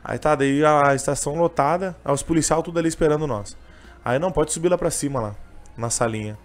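A man's voice: on the high side, quick pace. A young man with a gaúcho Portuguese accent telling his story in a casual interview, rambling and emotional, full of fillers. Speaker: interviewee, train vendor and singer.

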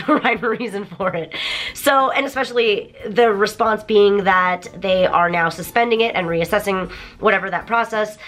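A YouTuber in her thirties vlogs casually to camera from a bedroom studio whose shelves are full of toys, her medium-pitched voice croaky after a recent sore throat. She sounds bright and forceful, chatty, animated and apologetic. Soft music runs faintly in the background.

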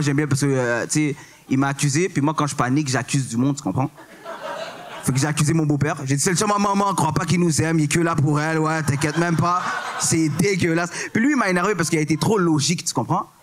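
On a club stage, a stand-up comedian in his twenties with a Québécois French accent delivers a set full of slang and English borrowings, often asking if you're following. He speaks quickly in a voice on the high side.

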